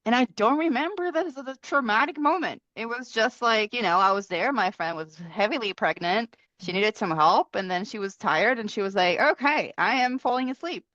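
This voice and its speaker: A woman hosting a podcast in casual chat, who laughs often and grows animated when she retells stories. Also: medium pitch, normal speed, few pauses, dry recording, muffled recording. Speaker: podcast host.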